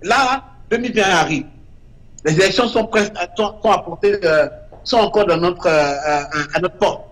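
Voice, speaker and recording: This man speaks at normal speed in a high, fairly bright voice. He's a guest artist being interviewed, impassioned and emphatic, coming back to short verdicts again and again.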